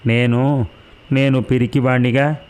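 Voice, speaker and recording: A man's voice: medium pitch, level tone, measured pace, darkish tone, clear, resonant tone, pitched above the performer's own voice, close to an everyday voice. A man voicing a sensitive, timid young village boy in a storybook reading, with a raised boyish voice. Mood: tearful.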